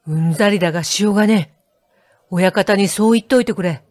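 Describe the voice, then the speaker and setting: Grumbling working man in an audiobook, voiced by a woman; rough, a touch lower. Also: a little fast, darkish tone, lightly acted. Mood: fed up. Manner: rough, fed-up speech.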